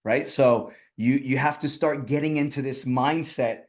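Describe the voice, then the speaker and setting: A man's voice: medium pitch, steady tone, measured pace. A man from Puerto Rico giving a rallying, conversational presentation on a video call as a guest speaker, with many fillers. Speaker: guest speaker, real estate team leader. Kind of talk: energetic motivational presentation.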